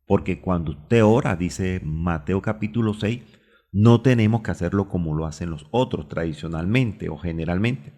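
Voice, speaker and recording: A man's voice: low-pitched, moderate pace, warm tone. A man with a Colombian Spanish accent preaching a radio sermon, stopping to look up Bible verses aloud and drawing out key words. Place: radio studio.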